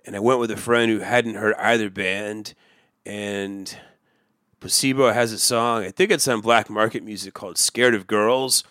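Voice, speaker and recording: A man's voice: fairly low pitch, fairly even intonation, normal speed, fairly bright tone, clear, resonant tone, dry recording, studio quality. A man in his forties co-hosting a podcast, telling stories in a rambling, wry, self-mocking way. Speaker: podcast co-host. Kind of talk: casual chat.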